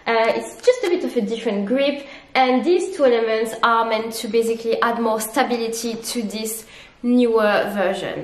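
A young woman running vlogger, her fairly high voice congested and stuffy from a cold, reviews running shoes in her living room at home. She chats to camera in an upbeat way, explaining step by step, and the room sounds echoey.

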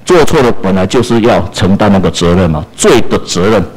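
A man preaching a sermon, animated and full of small fillers. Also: sits low, a little fast, low-quality recording.

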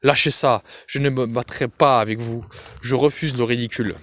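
A man's voice: medium pitch, moderate pace, slight background noise, lightly acted. Man reading as a cool, composed staff officer. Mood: cool scornful. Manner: calm, scornful, controlled.

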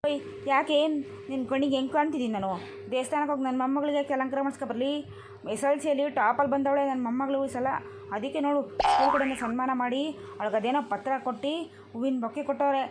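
A woman's voice: high voice, fairly even intonation, background noise, lightly acted. A woman voicing a boastful old village grandmother in a cartoon comedy, bragging and scolding. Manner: bragging, scolding, quick-talking.

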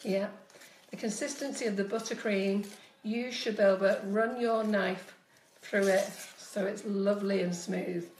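In an unhurried, steady, slightly mellow voice with a faint cold squeak, a woman in her fifties teaches cake piping live from her home kitchen, chatting straight to viewers. She's far from the phone mic, so the sound is echoey with slight background noise, and she often drifts out of range.

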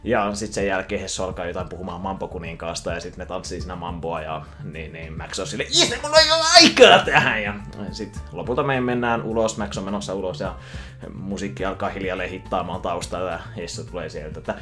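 A man casually retelling a cartoon film from memory, animated and quick to slip into voices. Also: deep voice, soft background music. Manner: animated, breaks into voices and laughter. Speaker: YouTuber.

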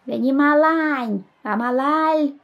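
A woman doing a squeaky little schoolboy. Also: slow, lo-fi sound. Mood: piping. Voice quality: thin, squeaky. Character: squeaky tiny schoolboy in the crowd.

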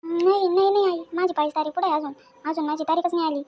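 A woman's voice: very high-pitched, steady tone, racing, darkish tone. A young woman playing a defensive, pleading daughter-in-law in a home drama.

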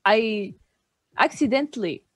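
A woman's voice: a little high, measured pace, fairly bright tone, no echo. Giggly woman. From Chile. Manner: playful and giggly. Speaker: game developer. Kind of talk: casual live-stream chat.

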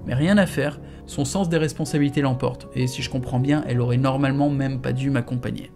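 A man's voice: medium pitch, steady tone, a little fast, creaky, music in the background. A man reading a novel aloud in the first person, in a casual, slangy storytelling manner. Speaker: audiobook reader.

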